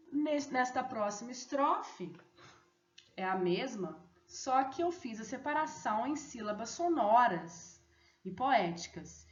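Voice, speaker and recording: A woman teacher explaining a lesson deliberately, often checking in with students. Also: a little high. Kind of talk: recorded online lesson. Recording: echoey, dull lo-fi room audio.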